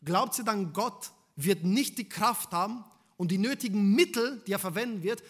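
A man preaching a sermon, putting rhetorical questions to the congregation and swinging between loud emphasis and hushed lines. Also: high-pitched, moderate pace.

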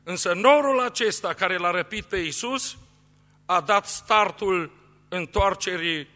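High bright-voiced preacher, echoing hall. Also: male voice. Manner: solemn, emphatic, rising and falling delivery. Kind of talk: sermon with scripture reading. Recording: long hall reverb.

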